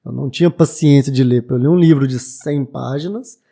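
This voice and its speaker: A man's voice: medium pitch, brisk, vocal fry, warm tone. A man in his late twenties from Brazil, a bookshop owner talking reflectively as a podcast guest, with hesitant restarts. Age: 20s. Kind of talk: casual podcast interview.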